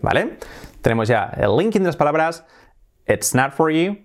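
A man from Spain with a Spain Spanish accent, hosting an upbeat video lesson and repeating phrases slowly for learners. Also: a little high, big pitch swings. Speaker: English teacher and host.

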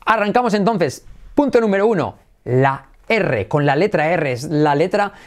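A man's voice: a little high, expressive, moderate pace. Upbeat man teaching English sounds. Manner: enthusiastic, switches between Spanish and English, repeats words for practice. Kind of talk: energetic online language lesson.

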